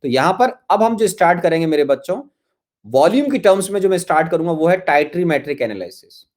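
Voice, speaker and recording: Guy teaching chem online, fairly high voice, keeps saying listen listen, warm coaxing. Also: lively intonation, fairly quick. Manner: coaxing, repeats phrases, calls students "my children". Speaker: chemistry teacher. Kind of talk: online class lecture.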